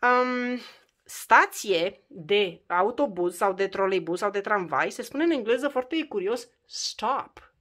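A woman teaches English in a chatty, informal way. She turns to the listener with questions and repeats words slowly to drill the sounds. The delivery is patient and unscripted. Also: medium pitch, expressive, a bit bright. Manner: conversational, addresses the learner directly with questions. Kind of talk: spoken English lesson for Romanian learners.

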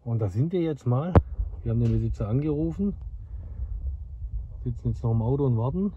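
A man in his thirties who deals classic cars vlogs on his phone camera, moving between an outdoor junkyard and the inside of a car as he talks enthusiastically to his audience. His medium-pitched voice is expressive and brisk, and the phone-quality audio picks up background noise.

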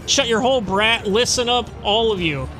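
A man's voice: high-pitched, normal speed, over music, voice pushed up, natural voice. Man putting on a greedy, sneering villain dad. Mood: threatening. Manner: sneering, threatening. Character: greedy, menacing, hard-drinking father, a game villain.

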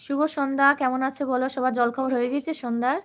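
A woman's voice: high voice, level tone, racing. Woman with a sore throat livestreaming. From West Bengal, India. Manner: greets viewers by name, chatty and warm. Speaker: live streamer. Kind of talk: casual live-stream chat with viewers.

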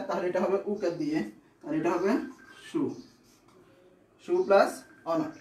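A man's voice: high voice, a little mellow, roomy sound. A man teaching grammar, explaining step by step and answering his own questions. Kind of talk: classroom lesson.

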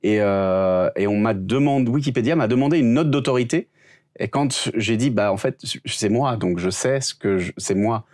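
A man's voice: fairly low pitch, darkish tone. A middle-aged man running a tabletop game, bantering with his players in a studio with bookshelves. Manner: joking, talks fast.

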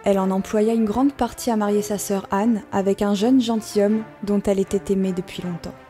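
A woman reads a classic fairy tale aloud as narrator, measured and expressive. Her voice sits at a middle pitch for a woman, with steady music underneath.

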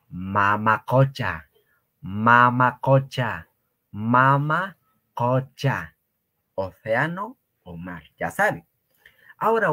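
Slow, lively male language teacher. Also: mid-range voice, husky. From Peru. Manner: repeats words slowly, drilling pronunciation with rhetorical questions. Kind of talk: online language lesson.

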